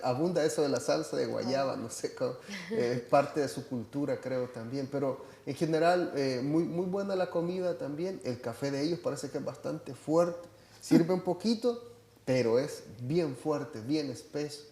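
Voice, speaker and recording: Reporting on a church trip in casual conversation, a Salvadoran man speaks at normal speed in a slightly high, mellow voice that sounds reverberant. He comes across as hesitant, with many fillers and restarts.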